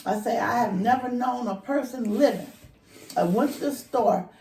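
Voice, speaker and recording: Woman eating n chatting casually, relaxed voice, kinda far from the mic in an echoey room. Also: a little high, vocal fry, a little hiss or hum. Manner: eating while talking, with pauses and murmurs. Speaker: vlog co-host. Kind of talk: casual chat while eating. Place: indoor room at a table. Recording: roomy echo, distant mic.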